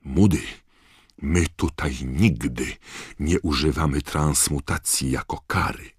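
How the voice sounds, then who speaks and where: A man's voice: takes it slowly, breathy edge, dry recording, studio quality, heavily acted. A man voicing a stern older female witch teacher who cries out in alarm. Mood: shaken. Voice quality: shrill, shocked.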